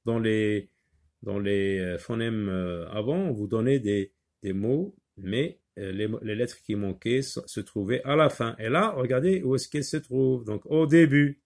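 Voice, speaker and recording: A man's voice: lowish voice, unhurried, darkish tone. A man teaching a reading and handwriting lesson, patiently talking the class through each step.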